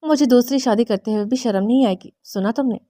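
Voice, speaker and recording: A woman's voice: on the high side, dark tone, no room sound, clean studio sound, lightly acted. A woman reading the lines of a playful young husband who teases his wife. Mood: teasing. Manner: mischievous, bantering.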